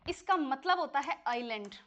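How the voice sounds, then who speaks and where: A woman teaches an exam-prep English lesson in Hindi, working through examples one at a time. Her voice sits high, and she keeps pausing to make sure her students have followed. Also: expressive, a bit bright. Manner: explanatory, checks in with students often.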